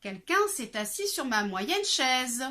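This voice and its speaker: Brief: a woman playing a calm mama bear, slow and measured, storybook style. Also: high-pitched, pitched above the performer's own voice, full character voice.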